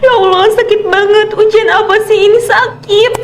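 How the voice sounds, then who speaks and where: A woman's voice: very high-pitched, steady tone, normal speed. A woman voicing a vain, complaining young mother and wife in a cartoon. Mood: pained. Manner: whiny and complaining. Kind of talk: cartoon voice acting.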